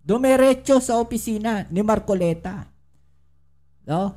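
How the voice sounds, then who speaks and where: A woman's voice: medium pitch, unhurried, warm tone. A woman giving casual political commentary to her viewers, full of rhetorical questions and tag questions. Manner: addresses viewers directly and often.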